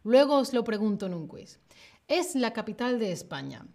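A woman from the south of Spain with a southern Spanish accent, teaching a live online Spanish lesson, speaking clearly and repeating her clues. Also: a little high, sing-song, mellow. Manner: slow, clear, repeats clues, laughs often.

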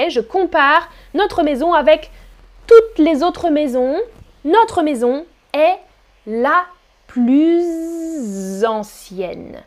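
Woman, French teacher, live online lesson, high voice, unhurried, careful repetition. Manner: slow, carefully articulated, repeating words for learners; reads out chat comments, encouraging. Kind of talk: live-streamed pronunciation lesson.

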